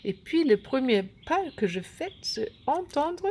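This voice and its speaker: Female tutorial presenter, native German, German accent, broken hesitant French, fry in the voice, explaining step by step. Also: sits high, sing-song, mellow, slight background noise. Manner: broken, halting French with grammar slips and word searching. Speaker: course creator and app instructor. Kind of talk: unscripted tutorial walkthrough.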